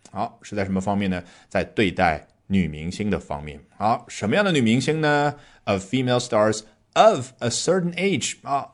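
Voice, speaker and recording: Male podcast English teacher, low-ish voice with animated pitch, chatty, heavy on fillers and rhetorical questions. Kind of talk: explaining English vocabulary to learners.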